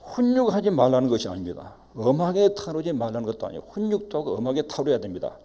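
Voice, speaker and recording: A middle-aged man delivering a sermon in a warm, mellow voice. He preaches emphatically at a middle pitch and acts out scolding parents in short quoted asides. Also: huge pitch swings, fast. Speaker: pastor.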